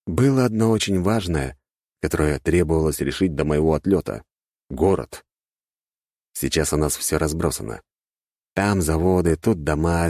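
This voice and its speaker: A man narrating a first-person audiobook in a wry, lively storytelling manner on a close studio mic. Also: sits low, dry recording.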